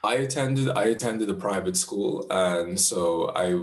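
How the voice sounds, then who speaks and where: A Bahamian man in his twenties, a professional astrologer, answers interview questions thoughtfully and in a measured way, often restarting his phrases. His voice is low and the recording is reverberant.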